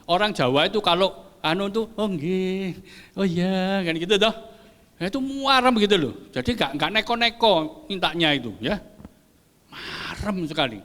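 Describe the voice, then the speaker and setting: An older man preaching a sermon as pastor, lively and joking with the congregation. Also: sits high, moderate pace. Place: church hall. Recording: long church hall reverb.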